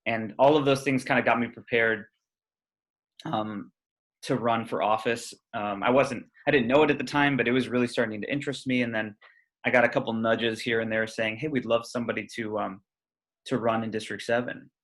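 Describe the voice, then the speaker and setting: A man's voice: mid-range voice, fairly even intonation, fairly quick, fairly bright tone, low-quality recording. A man in his thirties, a candidate speaking casually in an interview over a video call, with many ums and restarts. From Puerto Rico, raised in Omaha. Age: 30s. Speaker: legislative candidate.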